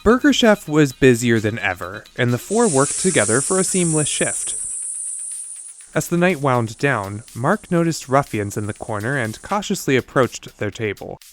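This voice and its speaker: A man narrating a true-crime story as host in a lively, conversational storytelling manner. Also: moderate pace, faint music behind. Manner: lively conversational storytelling with wide pitch swings.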